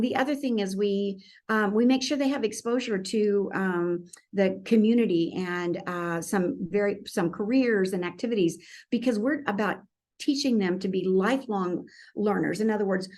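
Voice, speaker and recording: A woman presents at a conference in a mid-pitched voice. She talks earnestly and often stops to restart a sentence or fill a pause with an um. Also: darkish tone. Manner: earnest, frequent ums and restarts. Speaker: nonprofit youth program presenter.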